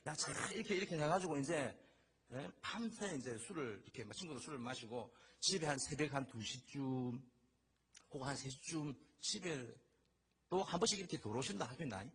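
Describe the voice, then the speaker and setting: A middle-aged man preaching a sermon as pastor, telling stories in a lively way and acting out the voices he quotes. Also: medium pitch, a little fast, slight background noise.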